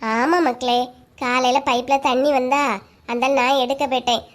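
A woman's voice: high-pitched, little pitch movement, moderate pace, pitched below the performer's own voice, natural voice. A woman voicing a bossy, scheming cartoon mother with a Kanyakumari Tamil accent, coaxing and ordering her kids. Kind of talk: cartoon voice acting.

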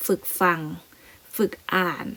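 A woman's voice: slow, pushed and bright. A woman English teacher explaining a lesson step by step, often repeating words as she goes. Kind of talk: classroom explanation.

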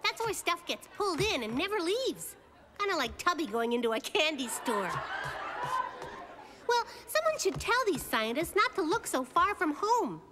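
A woman's voice: very high-pitched, very animated, normal speed, heavy background noise. A woman voicing a bossy, self-assured little girl in a children's cartoon, with a plain, wry delivery. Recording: background music under the voice.

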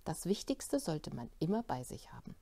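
A woman voicing a caring mother in a storybook reading, reassuring and gently firm. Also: sits low, big pitch swings, normal speed, heavily acted. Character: patient, caring mother soothing her son.

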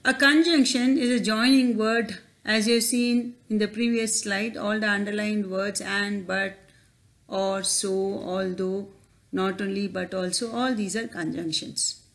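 Slow, careful woman teacher. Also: mid-range voice, fairly even intonation. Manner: careful, explanatory, asks rhetorical questions. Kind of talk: slide-based grammar lesson.

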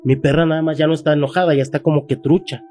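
A man's voice: fairly high pitch, fairly even intonation, very fast, darkish tone. Slangy Mexican man telling a scary story. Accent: Mexican Spanish. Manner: slangy, emphatic, raises voice when quoting. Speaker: guest telling a paranormal story. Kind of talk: casual storytelling.

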